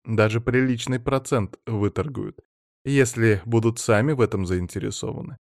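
A man's voice: medium pitch, moderate pace, darkish tone, dry recording, clean studio sound, natural voice. A man voicing a shrewd, practical middle-aged mother in an audiobook, raising his voice to play her. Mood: advising. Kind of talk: audiobook reading.

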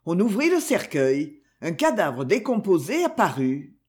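A man reads a detective novel aloud with a theatrical flair. His voice sits high and moves animatedly through its range, turning the narration into lively storytelling. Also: measured pace. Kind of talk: audiobook reading.

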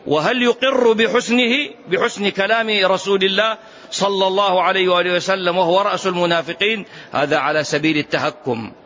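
High-voiced man giving an emphatic religious lesson. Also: a little fast, sharp tone, a little hiss or hum. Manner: emphatic, asks rhetorical questions and repeats key phrases. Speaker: Islamic lecturer. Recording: dull lo-fi lecture recording.

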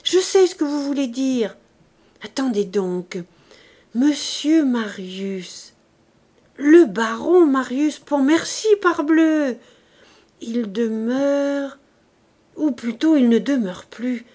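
A poor old gardener, timid and easily startled, speaks in a hesitant, wondering way, as a woman reads him aloud. His words come slowly and carefully, in the unhurried rhythm of a storybook reading. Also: sits high, animated, warm tone, pitched above the performer's own voice, exaggerated voice. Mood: eager.

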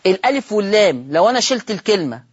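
Husky Egyptian sheikh teaching slowly. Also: male voice, high voice, big pitch swings, highs cut off. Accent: Egyptian Arabic. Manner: explains slowly, repeats words and poses questions to the listeners. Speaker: Quran recitation teacher. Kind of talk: religious lesson on Quran reading.

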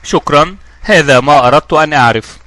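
Male narrator voicing a sardonic adventurer, cool and mocking, quick and bright, audiobook read. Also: a little high, no room sound. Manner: mocking, calm. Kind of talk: audiobook dialogue reading.

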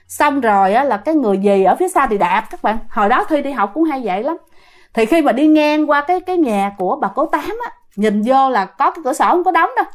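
A young woman casually retelling a listener's ghost story, chatty, slipping into the voices of the people in it. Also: on the high side.

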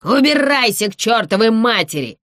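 A woman voicing a gruff male vagrant with a Cornish accent, hoarse from sleep, curt and snapping. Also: sits low, lively intonation, slow, fairly bright tone, dry recording, studio quality, exaggerated voice. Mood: hostile.

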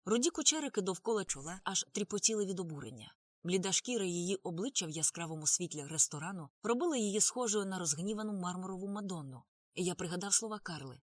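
A woman narrating an audiobook in an expressive, animated way. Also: fairly low pitch, fast, dry recording.

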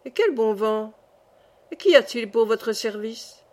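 A woman's voice: on the high side, expressive, a little slow. Woman reading as a genial old saint at heaven's gate. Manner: genial, reassuring. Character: kindly old male saint, gatekeeper of heaven.

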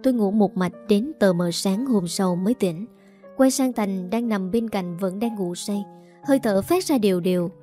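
A woman narrates a first-person family story in a calm, mellow voice. A faint bed of music plays beneath her reading. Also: mid-range voice, moderate pace. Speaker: audiobook narrator. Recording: soft music underneath.

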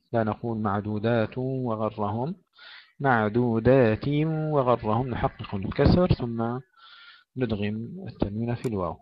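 A man teaches Quranic recitation in a slow, careful way, drawing out each recited word to show how it should sound. His voice has a gravelly edge. The recording is dull and lo-fi. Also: medium pitch. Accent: Arabic. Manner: slow deliberate demonstration of pronunciation, drawn-out recited words. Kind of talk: tajweed lesson with recited verses.

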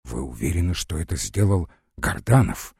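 A man voicing a polite male visitor who asks tactful questions in a soft voice. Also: low-pitched, very animated, moderate pace, vocal fry, husky, no echo, clean studio sound, pitched below the performer's own voice, heavily acted.

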